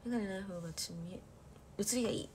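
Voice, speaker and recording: A woman's voice: mid-range voice, racing, noisy background. A young woman chatting casually on a late-night livestream, often dropping into whispers. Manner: chatty, soft-spoken, drops to whispers, laughs often. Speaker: live streamer. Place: bedroom at night.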